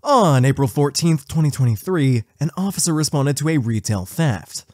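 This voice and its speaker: A man giving scripted narration in a flat, factual reporting manner. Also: on the high side, normal speed, no room sound.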